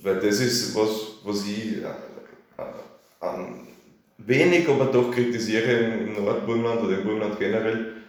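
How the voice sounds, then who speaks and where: Deep-voiced man in an echoey room. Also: fairly even intonation, moderate pace. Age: 30s. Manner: chatty, filler-heavy, asks for agreement. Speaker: festival organizer. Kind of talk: casual radio interview.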